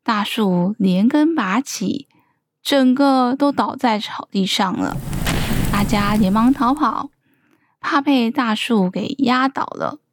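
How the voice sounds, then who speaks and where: A woman tells a children's story in an unhurried, gentle, expressive manner. Her voice sits a little high, and the delivery is very slow. The recording is close and dry. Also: no echo.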